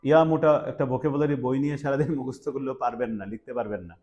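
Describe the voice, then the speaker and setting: Young male teacher, classroom lecture, warm dark timbre, explanatory. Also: medium pitch, steady tone, fast, dull audio. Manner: explanatory, quizzes students, mixes English words into Bengali. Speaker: English teacher.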